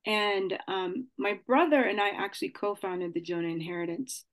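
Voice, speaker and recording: A woman from Nigeria answers as a podcast guest in a mid-range voice. She speaks thoughtfully, pausing and filling gaps as she works through her story. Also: medium pitch. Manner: thoughtful, halting with many fillers. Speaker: guest, nonprofit CEO. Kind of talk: casual interview answers.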